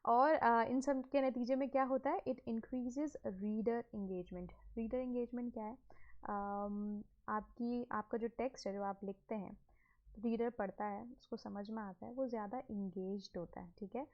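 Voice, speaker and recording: A woman teaches from slides, mixing English phrases into Urdu as she explains. She asks questions and answers them herself. Her fairly high voice comes through a dull, lo-fi recording. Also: fairly even intonation, a little slow.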